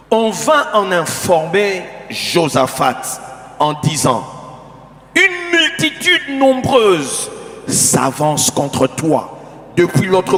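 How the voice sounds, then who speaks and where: A man from DR Congo, preaching a sermon as pastor in short calls and frequent shouts. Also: a little high. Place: large church hall. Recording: echoey church hall.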